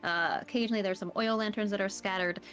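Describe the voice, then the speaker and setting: A woman's voice: mid-range voice, fairly even intonation, fast, fairly bright tone, faint music behind. A woman narrating a tabletop horror game as game master, describing scenes at length with many fillers.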